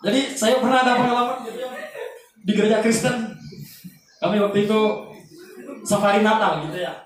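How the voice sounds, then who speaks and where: A man with a fairly high, loud voice gives a casual lecture, joking with his listeners as he goes. He is heard from a distance in a very echoey room, with faint noise behind him. His teaching is animated and full of asides. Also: fairly quick. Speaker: youth group speaker.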